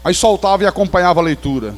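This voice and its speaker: Brazilian male pastor, high voice, lively storytelling sermon, long church reverb. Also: very fast. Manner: animated storyteller with touches of humor. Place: church sanctuary.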